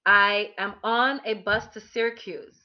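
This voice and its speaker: A woman's voice: medium pitch, fairly even intonation, unhurried. A woman candidly telling a personal story to her listeners, talking animatedly with many restarts and fillers. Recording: dull lo-fi recording.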